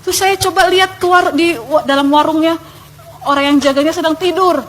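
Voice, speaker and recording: Woman sharing her testimony at church, high voice, dramatic storytelling, asks the crowd questions. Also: steady tone, brisk, a bit bright. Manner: dramatic storytelling, addressing the audience with rhetorical questions.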